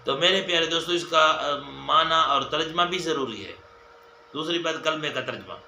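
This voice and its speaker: A man's voice: fairly high pitch, creaky, pushed and bright, slight background noise. A man giving a religious lesson as a mufti, counting off his points one by one and repeating them, often turning to the viewers as dear friends. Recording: echoey room with faint ambience.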